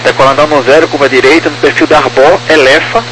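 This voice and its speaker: Male Brazilian controller, highish voice, procedural clearance delivery, noisy aviation radio channel. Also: fairly even intonation, fast talker. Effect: aviation radio transmission.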